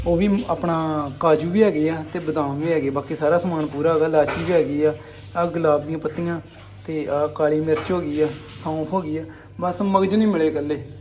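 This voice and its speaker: A man with a fairly high, darkish voice vlogs casually at home, chatting away and giving directions to his family while he films. There's a lot of household noise in the background.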